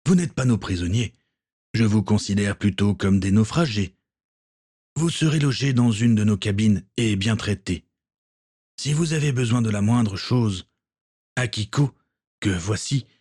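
A man voicing a calm, gently ironic pirate captain in a storybook reading. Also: on the low side, a little slow, pauses often, breathy edge.

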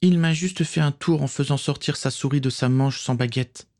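A man's voice: mid-range voice, moderate pace, darkish tone, pitched above the performer's own voice, natural voice. A man voicing a timid, sweet young girl in a storybook reading. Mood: pleading.

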